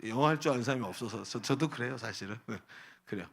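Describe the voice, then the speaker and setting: A middle-aged male senior pastor preaching a lively sermon to a youth service, often asking the congregation questions and acting out the voices he quotes. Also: mid-range voice, fast talker, gravelly.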